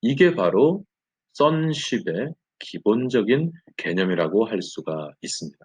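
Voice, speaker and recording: A man teaching a church Bible lesson, telling a story with animated delivery and frequent affirming fillers. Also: lowish voice, measured pace, husky.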